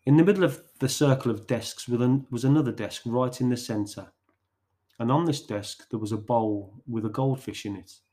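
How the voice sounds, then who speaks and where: Man slowly narrating a podcast story. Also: medium pitch, mellow.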